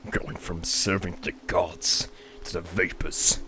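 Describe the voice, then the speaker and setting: A man voicing a vengeful, tormented Spartan warrior, with a brooding manner, slow drawn-out lines that rise into shouts. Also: deep voice, flat delivery, background noise. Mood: despairing. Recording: music playing loudly behind.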